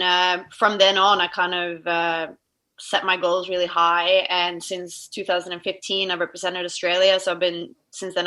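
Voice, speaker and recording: A woman's voice: lowish voice, sharp tone. A woman in her thirties from Sweden, talking in a casual interview with many ums and restarts. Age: 30s. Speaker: guest, boxer.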